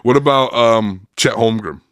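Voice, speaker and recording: A young man with a mid-range voice, co-hosting a podcast in casual chat. He trades quick, laid-back jokes. His voice sounds dry and close to the mic. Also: medium pitch, a bit bright, smooth, no echo. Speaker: podcast co-host.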